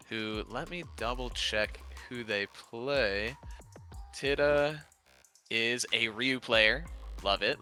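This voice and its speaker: A man doing enthusiastic play-by-play for a fighting game tournament, with loud bursts of hype. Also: medium pitch, smooth. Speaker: tournament commentator. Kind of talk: esports commentary.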